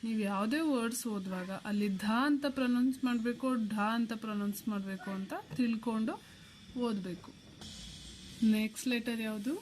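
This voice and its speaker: A woman teacher with a Kannada accent giving a slow alphabet lesson, spelling out letters one at a time. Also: on the high side, a little mellow, a little hiss or hum.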